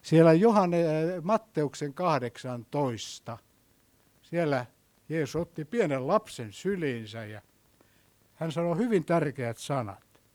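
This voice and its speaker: Man preaching with a high voice. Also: lively intonation. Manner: storytelling, swings between soft and loud. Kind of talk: sermon.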